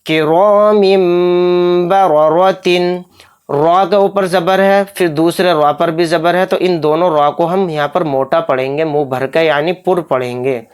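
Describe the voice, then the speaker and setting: A Quran recitation teacher giving a step-by-step lesson. The teacher spells out each syllable slowly, explains each rule in brisk asides, and answers their own questions. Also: medium pitch, steady tone, clean tone.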